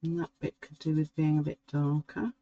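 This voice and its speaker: A middle-aged woman, slowly talking through a drawing as she works and musing to herself. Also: sits low, little pitch movement, no echo, dull audio. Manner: slow, musing, talks to herself while drawing. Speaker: art tutor. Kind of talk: relaxed painting tutorial.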